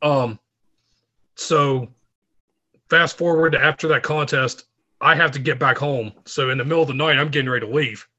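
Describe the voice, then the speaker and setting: A middle-aged man, a fitness writer guest, telling animated stories in a casual interview. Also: medium pitch, normal speed, long pauses, highs cut off. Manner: animated anecdote teller, acts out quotes.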